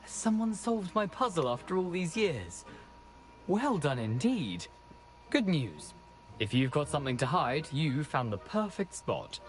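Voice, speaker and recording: An actor voicing the ghost of a beheaded, mischievous gentleman in a video game, with a genteel, chatty and wry manner. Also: on the high side, very animated, a little slow, faint music behind.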